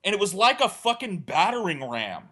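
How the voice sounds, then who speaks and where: A high-sitting male voice at moderate speed carries this casual podcast story. It's crude and rambling, delivered with animated energy and acted-out lines of dialogue.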